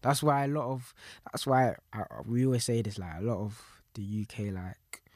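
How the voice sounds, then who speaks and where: A man's voice: mid-range voice, normal speed, no echo. Young London roadman chatting, dry sound. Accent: London roadman, Multicultural London English. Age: young adult. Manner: slangy, loose street talk with repeated phrases. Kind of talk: casual conversation about music.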